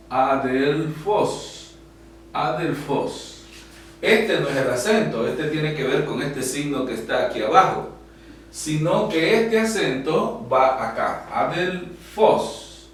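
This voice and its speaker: A man teaching a class, explaining slowly with frequent pauses and fillers at a whiteboard. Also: a little high. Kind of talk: classroom lecture. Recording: echoey room from far off, faint hum.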